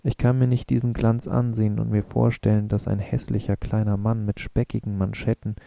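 A frank, spirited young woman speaks her mind bluntly in an audiobook, read by a male narrator. The voice stays low and gravelly, with a dark, mellow tone. It sounds dry and close. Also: little pitch movement, fairly quick, no echo. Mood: scornful. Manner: blunt, defiant speech. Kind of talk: audiobook reading.

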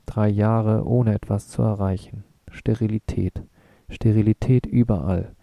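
A man voicing a brooding, searching young man in an audiobook, with a rough, earnest, musing way of talking. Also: on the low side, fairly even intonation, a little slow, no echo, highs cut off. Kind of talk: audiobook reading.

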